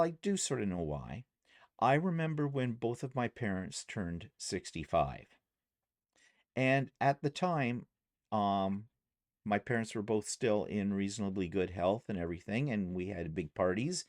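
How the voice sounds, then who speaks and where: A retired man in his sixties talks on his vlog in an easygoing, rambling way, full of ums and uhs, with a Canadian accent. His voice sits low but moves up and down a lot. The sound is dry and close, with no room echo. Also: a little mellow. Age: 60s. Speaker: vlogger. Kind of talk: casual vlog talk.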